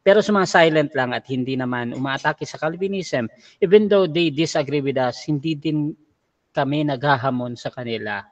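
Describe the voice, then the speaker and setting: Brisk moderator on dull lo-fi call audio. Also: male voice, on the high side. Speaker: debate moderator. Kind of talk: hosting an online debate.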